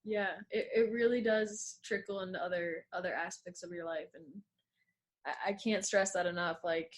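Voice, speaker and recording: This voice belongs to a woman in her twenties, fairly low in pitch, steady, and at a normal speed. As a guest on a podcast, the fitness coach and ex-professional skier keeps the interview chat casual, sprinkling in plenty of "like" fillers.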